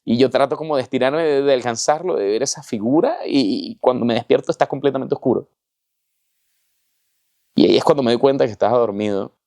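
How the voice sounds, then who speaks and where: A man's voice: medium pitch, brisk, gravelly, a little mellow, no echo, studio quality. A man giving a personal faith testimony, telling his story with emotion and acting out the voices in it. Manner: emotional storytelling, with vivid reenactment of dialogue. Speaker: testimony speaker.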